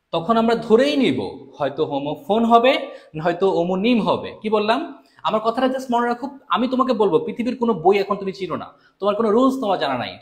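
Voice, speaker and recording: Brief: young male tutor, Bangladeshi accent, high and very animated delivery, drills points by repetition. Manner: lively, repeats key points, chats with students by name. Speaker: admission test tutor. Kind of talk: live online class.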